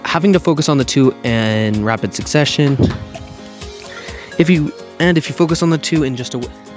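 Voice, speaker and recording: A man's voice: fairly high pitch, normal speed, faint music behind. A man giving a casual video game review, recorded under a blanket with pillows behind him, rambling and correcting himself with jokey asides. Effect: muffled, recorded under a blanket.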